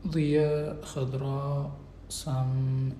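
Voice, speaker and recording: Slow, patient male teacher. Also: mid-range voice, flat delivery, dark tone. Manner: patient, corrects students one by one. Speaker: Arabic teacher. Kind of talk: live-stream lesson, correcting viewers. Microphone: phone. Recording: echoey room, faint background noise.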